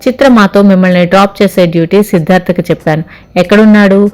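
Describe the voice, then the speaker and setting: A woman's voice: lowish voice, fast, a little mellow. A woman narrating an audio story in the first person, reading steadily and reflectively.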